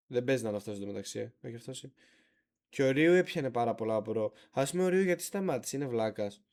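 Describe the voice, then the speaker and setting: A man's voice: mid-range voice, lively intonation, a little mellow. Guy streamer mumbling along to clips, chill slangy chat, mid voice. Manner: laid-back, slangy, muttered commentary. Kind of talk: casual live-stream chat.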